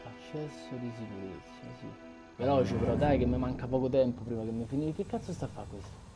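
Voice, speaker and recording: A man's voice: medium pitch, a little fast, over music. A young man giving horror game commentary through a headset, jumpy and swearing at what he sees. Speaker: gaming YouTuber. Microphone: headset earphones. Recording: audible background noise.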